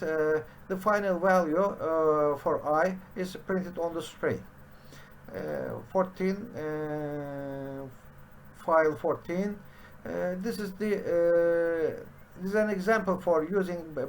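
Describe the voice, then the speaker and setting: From his bookshelf-lined home study, a middle-aged programming teacher whose first language is Turkish walks through code on a shared screen. He talks at a crawl in a somewhat high voice, stopping and starting with constant "uh" fillers, and there's a little background noise.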